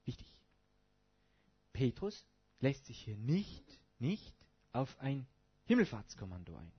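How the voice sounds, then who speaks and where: Male pastor giving a sermon in a casual tone, with an animated, husky voice on a dull lo-fi recording. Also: mid-range voice, slow pace. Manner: colloquial, asks the congregation rhetorical questions.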